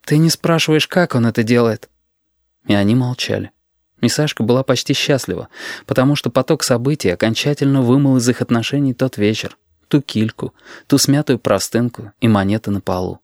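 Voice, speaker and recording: A man narrates an audiobook from a script, speaking at medium pitch in a calm, even storytelling manner. The recording is dry and studio-clean.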